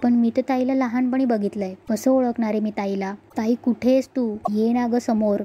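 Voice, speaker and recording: A woman reading the lines of an anxious young woman searching for her lost sister, in a flat, level manner. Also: on the high side, normal speed, slight background noise, natural voice. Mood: worried.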